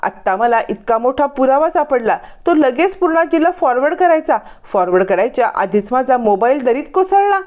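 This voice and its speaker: A woman's voice: high-pitched, expressive, normal speed, few pauses, a little mellow, dull audio, pitched above the performer's own voice. A woman reading a frustrated schemer. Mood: exasperated. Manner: exasperated, complaining.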